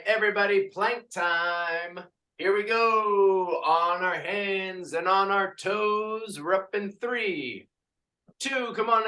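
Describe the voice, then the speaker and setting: Slow, upbeat man coaching a workout. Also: high voice, bright, forceful tone. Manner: counts out reps and jokes with the class between exercises. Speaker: fitness coach. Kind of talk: leading a group workout class.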